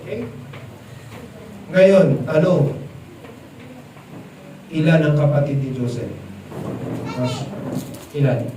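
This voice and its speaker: An animated male preacher with a high voice, quizzing his audience as he tells the story. His sermon booms around an echoey hall, caught from a distance by the mic. Steady background noise runs underneath. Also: slow pace, long pauses. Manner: animated, quizzes the crowd, mixes English. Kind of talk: lively sermon with audience questions. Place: church event hall.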